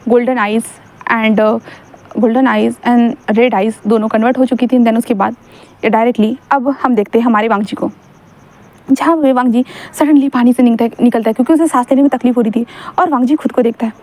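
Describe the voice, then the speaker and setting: Young woman rambling through her own story, keeps fixing her words, highish mellow voice. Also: fairly even intonation, brisk. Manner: chatty, rambling, self-correcting. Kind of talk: casual story narration.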